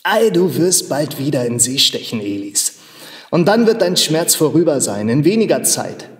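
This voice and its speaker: A man voicing a stern, proud old miner who urges and scolds in a grave, deliberate way. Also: a little high, big pitch swings. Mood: consoling. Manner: urging, grave, at times angry. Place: large machine workshop hall in a theater. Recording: long reverb of a large hall.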